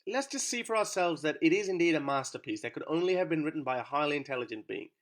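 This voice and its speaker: A YouTube commentator whose first language is Urdu delivers a scripted, argumentative monologue packed with sarcastic rhetorical questions. His voice is fairly high, with lively intonation and a quick pace.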